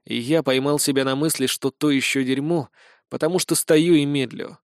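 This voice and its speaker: A man reading a first-person fantasy audiobook in a measured storytelling manner. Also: medium pitch, fairly even intonation, smooth, no echo, studio quality. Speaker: audiobook reader.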